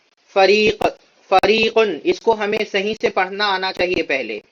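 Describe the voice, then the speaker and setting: A man teaching a classroom Arabic lesson in a high, bright voice. He drags out each word so students can repeat it, then rattles off a quick explanation. The recording sounds dull and lo-fi.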